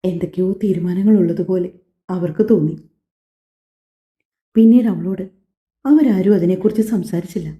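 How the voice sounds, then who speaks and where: A woman narrating a family drama audiobook in a steady, even storytelling manner. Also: fairly low pitch, moderate pace, long pauses. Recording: echoey, slightly dull home recording.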